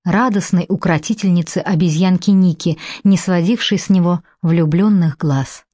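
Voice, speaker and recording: A woman reading an audiobook in a measured, unhurried narration. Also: lowish voice, mellow, no echo, studio quality. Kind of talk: scripted narration.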